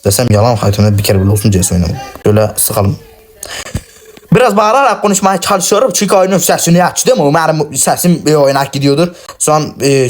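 A man giving excitable, cursing, self-mocking commentary while playing a shooter game on his phone. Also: mid-range voice. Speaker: gaming channel host. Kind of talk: casual gameplay commentary.

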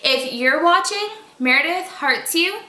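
A twenties-aged woman from the Boston area, with a light Boston accent, reads out challenge questions for her vlog, chatting playfully in slangy, casual speech. Her voice is extremely high, animated, unhurried, pushed and bright. She's indoors in a small room at home, and the recording carries a roomy home echo.

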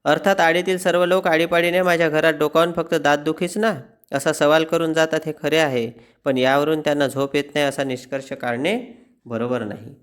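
A man giving an expressive, wry reading of a humorous essay, like a teacher reading a lesson text aloud. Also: on the high side, brisk, clean tone. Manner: wry, self-mocking storytelling.

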